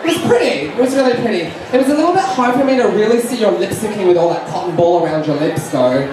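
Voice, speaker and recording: A man's voice: sits high, expressive, fast talker. A man hosting and judging a live competition, giving frank off-the-cuff critiques and circling back over his points. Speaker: competition host and judge. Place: live show venue. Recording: echoey venue from far off, noisy crowd. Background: crowd noise.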